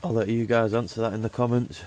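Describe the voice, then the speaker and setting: Working man, casual and matey with slangy speech, giving relaxed instructions over background vehicle noise. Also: on the low side, fast talker. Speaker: car detailer filming and instructing a young helper. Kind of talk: casual chat while working. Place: in and around a vehicle being cleaned.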